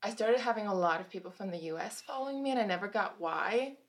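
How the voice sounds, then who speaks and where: A German woman in her thirties, appearing as a guest author, tells casual stories about her life in an animated, mid-range voice. She talks fast and laughs between anecdotes.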